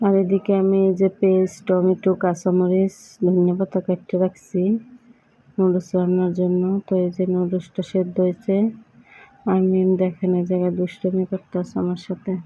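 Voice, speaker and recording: A woman's voice: fairly low pitch, completely flat delivery, moderate pace, dry recording, muffled recording. A woman, narrating a casual home cooking vlog while ill with a sore throat and fever. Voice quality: husky, strained from sore throat. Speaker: vlogger. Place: home kitchen. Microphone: phone held in one hand.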